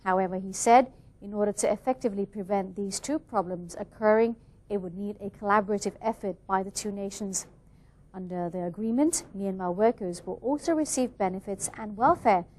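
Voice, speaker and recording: A woman's voice: medium pitch, a little fast, darkish tone. A woman reading scripted television news as an anchor.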